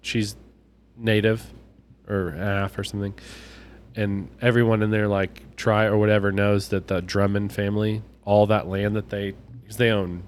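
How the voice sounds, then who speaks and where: A man's voice: lowish voice, flat delivery, moderate pace, slight background noise. A young man co-hosting a podcast, chatting casually and rambling, often slipping into voices to quote people. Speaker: podcast co-host. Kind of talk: casual chat.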